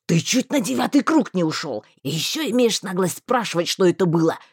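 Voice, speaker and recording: A woman voicing a loyal, hot-tempered young male mage who shouts in loud anguish and fury. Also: medium pitch, lively intonation, unhurried, breathy edge, no room sound, clean studio sound. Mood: indignant.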